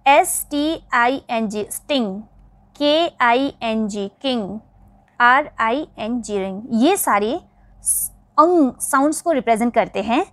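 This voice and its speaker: A woman with an Indian accent and a high voice teaches English vowel sounds in Hindi, spelling each word letter by letter and then repeating it slowly. The recording is dry.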